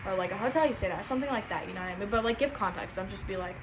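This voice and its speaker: Her words race out against a noisy backdrop as this young woman vlogs casually. She has a mid-range voice and a chatty, wandering style thick with "um" and "like."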